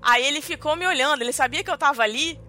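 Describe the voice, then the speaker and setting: A young adult woman with a Brazilian Portuguese accent, co-hosting a podcast and telling a story in an animated, dramatic way, full of fillers. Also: high voice, quick pace, soft background music. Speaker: podcast co-host. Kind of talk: casual storytelling chat.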